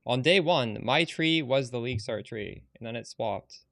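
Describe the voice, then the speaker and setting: A man's voice: medium pitch, normal speed, creaky, a bit bright. A man live-streaming a game, talking bluntly and with some exasperation as he answers chat, swearing casually.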